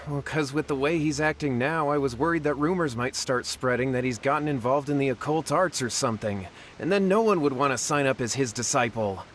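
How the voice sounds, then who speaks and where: A man's voice: medium pitch, fairly quick, hardly any pauses, fairly bright tone, slight background noise, close to an everyday voice. A man voicing a nervous young man in a video game, stammering and flustered. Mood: pleading. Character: nervous young man, scheming and easily cowed.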